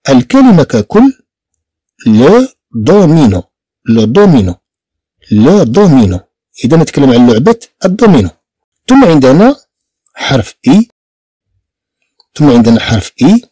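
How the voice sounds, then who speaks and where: A man's voice: medium pitch, very animated, warm tone, no room sound, studio quality. A man with a Moroccan Arabic accent teaching a beginner French lesson, spelling out letters and repeating each sound patiently. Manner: slow, repetitive spelling-out of sounds.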